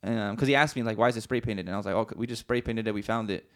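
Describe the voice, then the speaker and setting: A man's voice: lowish voice, rapid-fire, fairly bright tone. A man telling a long story in casual chat, rambling and slangy, swearing often, with many restarts. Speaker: podcast co-host.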